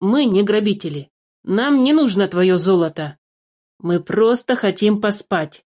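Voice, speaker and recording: A woman's voice: medium pitch, measured pace, darkish tone, close to an everyday voice. A woman voicing a bold boy changeling who speaks bluntly and wryly, in a storybook reading.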